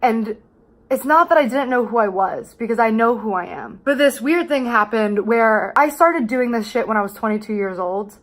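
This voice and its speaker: Woman in her late 20s doing a vlog, kinda high voice, casual and confessional, rambles and swears a lot. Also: expressive, normal speed. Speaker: vlogger. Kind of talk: candid casual vlog talk to camera.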